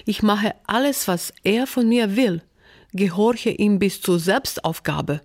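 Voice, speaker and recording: A woman reading her own scripted literary narration in a measured, poetic way. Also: medium pitch, dry recording, clean studio sound. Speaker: author and narrator.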